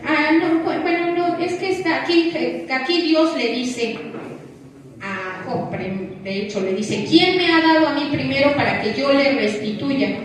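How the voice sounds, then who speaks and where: A woman preaching a sermon in a lively, teasing way, throwing rhetorical questions at the congregation. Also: high voice, a little slow. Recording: echoey room, distant mic, faint background noise.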